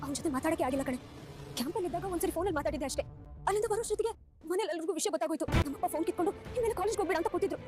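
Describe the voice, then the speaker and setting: A heartbroken young college girl tearful and pleading. Her voice is high and she talks very fast, with music under it. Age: young adult. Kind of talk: TV serial acting. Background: background music score.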